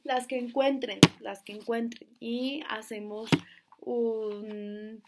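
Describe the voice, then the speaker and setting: A woman's voice: fairly high pitch, slight background noise. A woman teaching a class, patient and repetitive, often checking that students follow. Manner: slow, patient, repeats words and asks "¿listo?". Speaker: schoolteacher. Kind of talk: classroom lesson.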